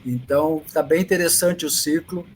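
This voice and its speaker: A man with a Brazilian accent and a fairly high voice hosts a casual interview. Faint noise sits behind him. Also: steady tone, normal speed. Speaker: interview host.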